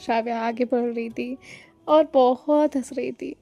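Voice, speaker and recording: A woman narrating a romance story in a plain, steady way. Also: a little high, a little slow, lo-fi sound.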